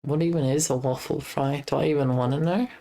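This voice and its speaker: A woman's voice: low voice, steady tone, fairly quick, dark tone. An Australian woman streaming live, chatting casually in a rambling way and reading chat messages aloud before answering them. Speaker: livestreamer.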